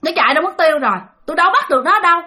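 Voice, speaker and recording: A woman voicing a lonely, vengeful female village ghost turned demon, shrill and cackling as she demands a child. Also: lively intonation, racing, bright, forceful tone, heavily acted. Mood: eerie coaxing.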